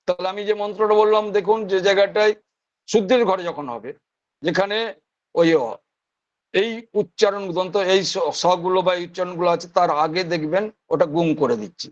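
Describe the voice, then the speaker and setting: A man with a West Bengal accent lectures in a high register, walking his students through each point in order. He sounds out individual syllables again and again to demonstrate pronunciation. The audio is dull and lo-fi, like an online class. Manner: explains step by step, repeating single sounds to demonstrate pronunciation. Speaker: teacher of priestly rites.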